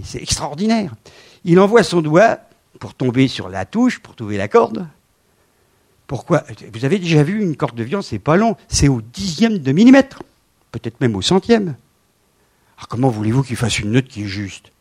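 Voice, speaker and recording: A man in his seventies giving a lively lecture with slides, swinging from loud emphasis to quiet asides. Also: mid-range voice, breathy edge. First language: French. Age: 70s.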